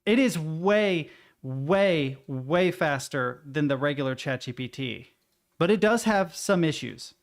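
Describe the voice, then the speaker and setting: A man's voice: a little high, lively intonation, slow. A man chatting casually on a livestream, thinking aloud with stammers, self-interruptions and some self-deprecating swearing. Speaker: live streamer.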